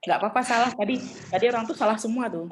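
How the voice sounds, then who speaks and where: A middle-aged woman teaching Mandarin in an online class, chatty and patient, saying tones slowly for students to copy. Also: on the high side, a little hiss or hum.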